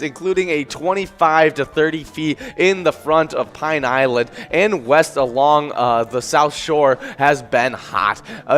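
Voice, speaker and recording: A man's voice: on the high side, a bit bright. A man hosting a casual live show, upbeat, laughing often and stumbling over words. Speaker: host.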